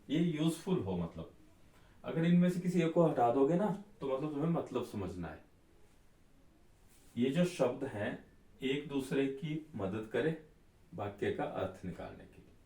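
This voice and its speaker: A man teaching an Ayurveda class, explaining slowly and repeating the key terms. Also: mid-range voice, mellow, far from the mic. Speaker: Ayurveda tutor. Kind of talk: classroom lecture. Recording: echoey room, voice off-mic.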